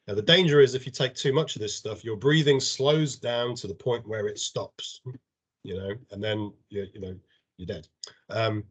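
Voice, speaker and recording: A man with a lowish voice, heard over a video call. He runs an informal awareness session, explaining things in plain terms. He often stumbles into repeated words before landing his point. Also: a little mellow, muffled recording. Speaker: drug and alcohol awareness trainer. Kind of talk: informal training talk. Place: home or office on an online meeting. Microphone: computer or headset mic on a video call.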